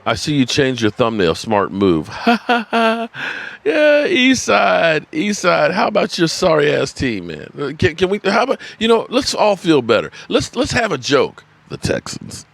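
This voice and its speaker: A man in his fifties, a sports channel host, talks on a live sports stream in a high-pitched, slightly bright voice with vocal fry. He reads the chat from his desk, laughing and swearing while he rambles.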